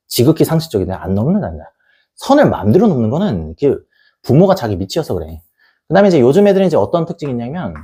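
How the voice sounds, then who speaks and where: Guy ranting parenting advice super fast, blunt and slangy, husky dark voice. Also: mid-range voice. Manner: blunt, colloquial, acts out scenes, swears freely. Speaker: education YouTuber and tutor. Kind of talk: blunt casual parenting lecture.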